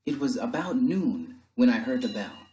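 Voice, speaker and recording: A man narrating an audiobook with an expressive, dramatic reading. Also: mid-range voice, moderate pace, roomy sound, poor audio.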